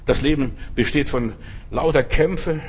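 A middle-aged male preacher giving a fervent sermon, talking straight to the listener and swinging between loud exhortation and quiet asides. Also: medium pitch, unhurried, husky. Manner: addresses listener directly as du.

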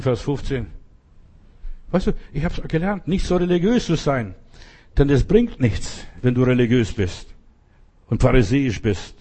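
Earnest and direct, this evangelist preacher addresses the listener head-on in a relaxed sermon style, his medium-pitched voice carrying a dark tone.

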